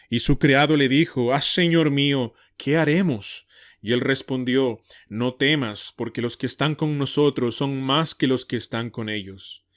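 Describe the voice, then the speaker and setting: A man giving a measured, scripted Bible reading with slowed quoted lines. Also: medium pitch, no echo, clean studio sound. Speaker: Bible reader.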